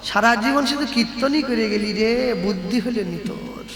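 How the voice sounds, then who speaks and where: A man voicing a blunt older village uncle who scolds a foolish young singer, in a high, shrill voice, in an echoey hall with music behind. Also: a little fast. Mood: scolding.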